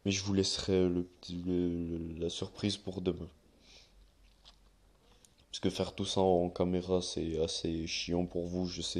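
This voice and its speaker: A young man with a very low, deep voice talks viewers through a phone tutorial in a loose, unscripted way. He rambles, hesitates with fillers, and corrects himself as he goes. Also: darkish tone. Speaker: YouTuber giving a tutorial. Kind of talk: casual screen-recorded tutorial.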